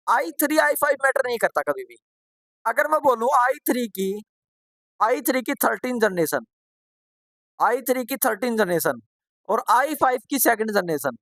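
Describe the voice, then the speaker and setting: In a live online class, a man teaches a computer course, posing questions and then answering them himself. He repeats his points, pushes students to respond fast, and mixes gentle scolding with encouragement. His voice is very high-pitched, and the recording is dry.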